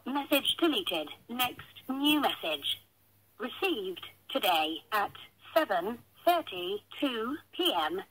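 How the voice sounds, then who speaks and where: Slow automated voicemail woman over phone. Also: on the high side, very animated, fairly bright tone. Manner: measured, clearly spaced announcements. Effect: heard over a landline phone line. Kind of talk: recorded voicemail system prompts.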